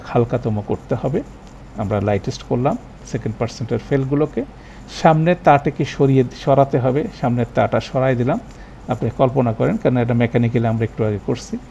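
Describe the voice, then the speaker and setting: A man teaching grammar in a recorded lecture, explaining step by step and slowly repeating example words, with English terms mixed in. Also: mid-range voice, vocal fry, warm tone, muffled recording, slight background noise. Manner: mixes English terms into his talk.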